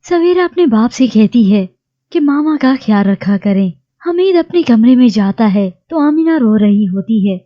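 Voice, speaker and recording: Lady reading out a tv drama recap, steady, kinda high voice, dull lo-fi sound. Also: unhurried. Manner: steady storytelling read. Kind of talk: scripted recap narration.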